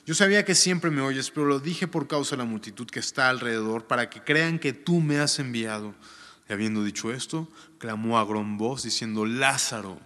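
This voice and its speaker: A man with a bright, forceful voice reads a scripture passage aloud, then breaks off to explain it in a relaxed, chatty way, often asking his listeners if they follow. The sound carries a long reverb, as if recorded in a large hall. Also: medium pitch, normal speed. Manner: reads scripture aloud, then comments conversationally with frequent tag questions. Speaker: Bible teacher. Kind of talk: Bible reading with casual commentary.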